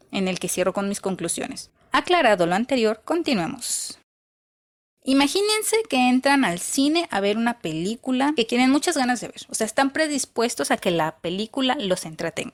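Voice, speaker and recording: In an unscripted, casual book review, a woman with an ordinary mid-pitched voice gives blunt opinions. She drives her points home by repeating them and sprinkles in dry, sarcastic asides.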